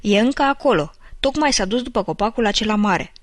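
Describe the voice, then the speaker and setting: Woman doing a calm big-brother kid, firm, level, dry close read. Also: mid-range voice, no echo, lightly acted. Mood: steady. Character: steady protective boy, eldest brother. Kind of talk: audiobook character reading.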